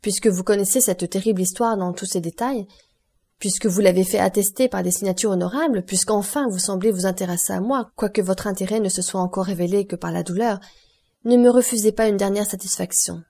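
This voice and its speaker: A woman's voice: medium pitch, fairly quick, warm tone, slightly rough. A woman reading an audiobook voices a young man, an anguished son pleading urgently to learn who killed his father. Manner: pleading, urgent, rising intensity.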